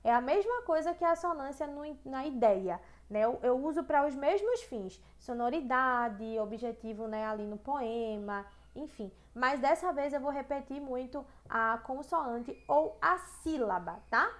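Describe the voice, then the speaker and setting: A woman with a Brazilian accent teaching an online lesson, chatty, checking in with "tá?" and "né?", reading verses slowly. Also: high-pitched, animated. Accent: Brazilian Portuguese. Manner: reads poems aloud slowly and rhythmically.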